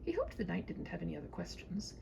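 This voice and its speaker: A storyteller reads her own short comic storybook tale, her humorous scripted narration full of wry asides and whimsical, mock-formal phrasing. Her voice is lowish, mellow and a bit fried, and her delivery is quick, lively and swooping. Faint noise marks the home recording.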